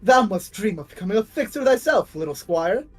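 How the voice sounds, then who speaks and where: A woman's voice: medium pitch, animated, a little fast, slightly rough. A woman plays a gallant, exuberant young woman knight in a game story. She declaims in grandiose, archaic phrases with theatrical earnestness. Faint music runs underneath. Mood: grand, jovial. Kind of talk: dramatic live read of game dialogue.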